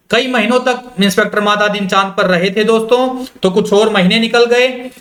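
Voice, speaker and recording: A man with a fairly high voice gives an exam-prep literature lecture. He reads a story aloud, stops to explain it, and repeats what his students must note. The recording has a roomy echo. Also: fairly bright tone. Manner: repeats key lines and tells students to note them; slows down when reading quoted lines. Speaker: Hindi literature teacher.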